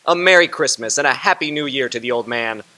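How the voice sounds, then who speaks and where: An actor playing Fred, Scrooge's cheerful young nephew, in a radio drama, hearty and laughing. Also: male voice, mid-range voice, quick pace, bright, forceful tone, lightly acted, rough recording. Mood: jovial.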